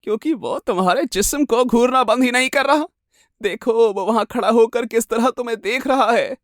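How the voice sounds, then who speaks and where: A man voicing an unhinged, jealous woman who taunts with slow, drawn-out menace in a horror storybook narration. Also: extremely high pitch, dry recording, studio quality, pitched above the performer's own voice. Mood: crazed, taunting. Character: unhinged jealous knife-wielding woman, shrill.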